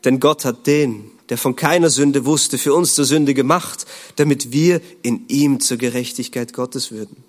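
A man's voice: unhurried, few pauses. Earnest German-speaking male preacher. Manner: earnest, rhetorical questions, dropping to a low hush. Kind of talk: sermon.

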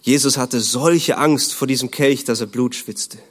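Earnest German-speaking male preacher. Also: unhurried. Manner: earnest, rhetorical questions, dropping to a low hush. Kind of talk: sermon.

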